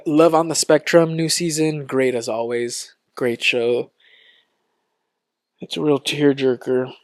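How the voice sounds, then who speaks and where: A man hosting his own podcast in a relaxed, casual way, with lots of ums and likes. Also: mid-range voice, no room sound, clean studio sound. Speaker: podcast host. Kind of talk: casual solo podcast chat.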